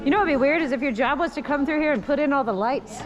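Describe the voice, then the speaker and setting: A woman's voice: high voice, fast talker, highs cut off, music in the background. A woman giving casual, playful running commentary on a family outing, full of jokey asides. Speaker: vlogger touring with family. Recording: busy tour group chatter around.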